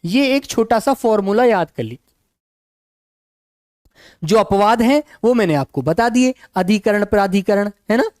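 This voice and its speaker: A male teacher with a sore, hoarse throat, leading an online exam-prep class in a calm, unhurried and affectionate way. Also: high-pitched, dry recording, clean studio sound.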